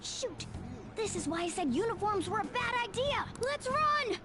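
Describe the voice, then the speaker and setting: A woman's voice: very high voice, expressive, moderate pace, background noise. A woman voicing a cheeky, bossy little talking cat in a video game, scolding and pert. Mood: alarmed. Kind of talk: video game dialogue acting. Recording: background music under dialogue.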